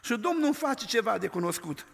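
An older man preaching a storytelling sermon, stressing his words by slowing down. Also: high voice, animated, creaky, a bit bright, breathy edge. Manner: emphatic, slows words for stress. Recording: long reverb of a large hall.

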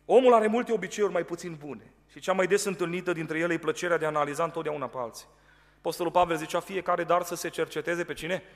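A man with a Romanian accent preaching a sermon in a church prayer house, telling stories and acting out the people in them. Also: high-pitched. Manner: lively, animated storytelling with voiced quotes. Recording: long hall reverb.

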